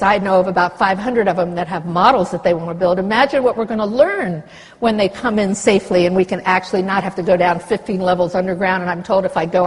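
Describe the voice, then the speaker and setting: A woman's voice: mid-range voice, slightly rough. An older woman giving a conference speech, reading treaty points aloud and adding impassioned, blunt asides. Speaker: conference speaker. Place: conference hall. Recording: lecture hall with long reverb.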